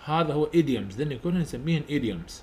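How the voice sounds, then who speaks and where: An Iraqi-accented man tutoring university students in English grammar. His voice sits a little high for a man, and he dictates each rule step by step, repeating it for note-taking. A faint hiss of background noise runs under his voice. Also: lively intonation, a little mellow. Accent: Iraqi Arabic. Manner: repeats rules slowly for dictation; colloquial step-by-step explaining. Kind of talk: lecture.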